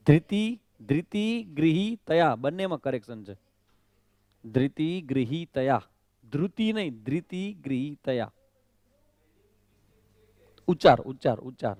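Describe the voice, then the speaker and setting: A man's voice: fairly high pitch, a little mellow, no echo. A swami teaching correct Sanskrit pronunciation of the Gita, drilling syllables over and over, questioning his students and slipping in English phrases. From Kutch, Gujarat.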